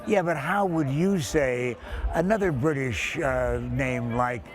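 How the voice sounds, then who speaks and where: A man's voice: medium pitch, slow. A man working as a TV presenter, doing light, jokey interviews and narration on location. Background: music.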